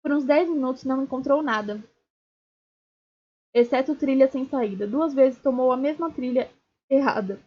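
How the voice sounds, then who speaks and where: A woman streamer reading a novel aloud, steady, with small slips and restarts. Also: sits high. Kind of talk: live read-aloud of a novel. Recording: dull lo-fi stream audio.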